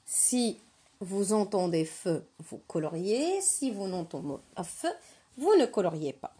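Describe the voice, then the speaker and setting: A woman teaching a reading lesson for children, patient, spelling out syllables slowly and asking simple questions. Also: mid-range voice, big pitch swings, warm tone, husky. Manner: poses questions to young learners.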